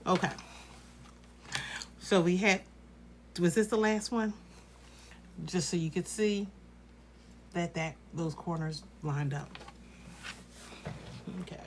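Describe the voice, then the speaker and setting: A woman talks through her quilting steps in a relaxed, chatty live tutorial. Her voice sits a little low, and she keeps reassuring viewers as she works. A faint hiss of background noise runs under the recording. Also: slow, pauses often. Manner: chatty, reassuring, thinks aloud while working. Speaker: quilting instructor.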